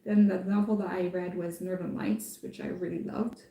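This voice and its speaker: Woman from france chatting on stream, lots of ums, mellow voice, echoey room. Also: fairly low pitch, flat delivery, moderate pace. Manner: hesitant, thinking aloud with many fillers. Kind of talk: casual live-stream chat.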